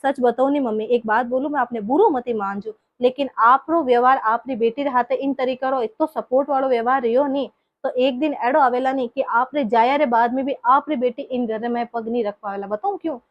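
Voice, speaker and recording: A woman's voice: sits high, brisk, dull audio, close to an everyday voice. A woman with a Marwari accent playing a hurt young daughter-in-law who earnestly reproaches her mother-in-law. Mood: reproachful. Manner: earnest, lecturing, emotional.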